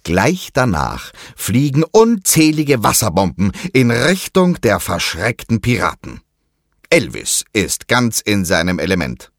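A man narrating a children's audio story in an expressive storytelling manner. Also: on the low side, measured pace, no room sound, studio quality.

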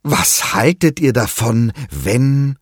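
Man doing a high-pitched little pirate boy who stammers a lot, gets jumpy and scared easily. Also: takes it slowly, breathy edge, dry recording, clean studio sound. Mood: excited. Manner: stuttering, high and excited. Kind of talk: children's audio story.

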